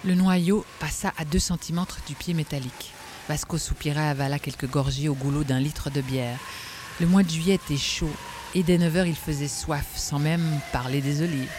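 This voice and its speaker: A narrator reading a novel aloud in a wry, measured way. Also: medium pitch, steady tone, noisy background. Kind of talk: audiobook narration.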